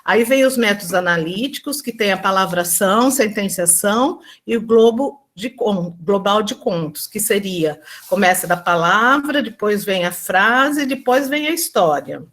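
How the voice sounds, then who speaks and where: A woman presenting her classroom experience at an online teaching symposium. She speaks hesitantly, with many fillers and restarts, and acts out slow teacher and pupil lines. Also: mid-range voice, expressive, a bit bright.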